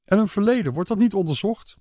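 A man's voice: high-pitched, lively intonation, fast, warm tone, no room sound, studio quality, voice pushed up. A man voicing a shy, hesitant male tourist who asks his questions earnestly.

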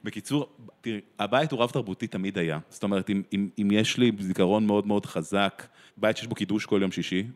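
A man's voice: lowish voice, steady tone. A man from Israel, a translator and theatre director, talking thoughtfully in an interview, often restarting his sentences. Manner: thoughtful, with many restarts and pauses. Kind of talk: reflective interview conversation.

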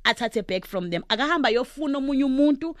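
A woman's voice: sits high, expressive, fast. A middle-aged South African woman giving impassioned advice on a radio talk show, stressing her points emphatically with repeated phrases.

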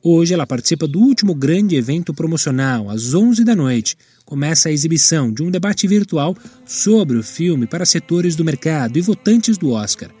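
Husky news presenter, male. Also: fairly high pitch. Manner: steady, measured news delivery. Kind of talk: read news bulletin.

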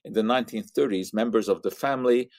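An older man giving an educational science talk in an explaining manner, pausing on "uh" and repeating words. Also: on the low side, a little mellow, dry recording, clean studio sound. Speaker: science commentator. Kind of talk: educational monologue.

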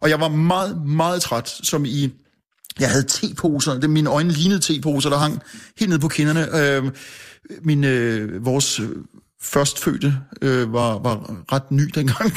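A man who works as a newspaper editor, a guest telling a story in casual chat, full of restarts and fillers and chuckling at himself. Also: mid-range voice. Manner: halting, many restarts and fillers.

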